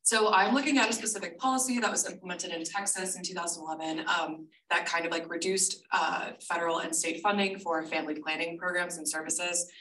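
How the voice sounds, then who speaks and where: A woman's voice: fairly low pitch, fairly even intonation, a little fast, hardly any pauses, sharp tone. A woman in her twenties, a senior thesis student, explaining her research in a friendly, casual way. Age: 20s. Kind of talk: casual info session talk. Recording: echoey room, far from mic, faint noise.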